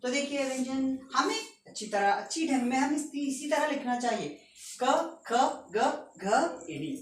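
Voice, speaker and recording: A woman teaching a school lesson, patiently reciting letters one by one and explaining them slowly. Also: high-pitched, animated. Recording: echoey room, distant mic, faint noise.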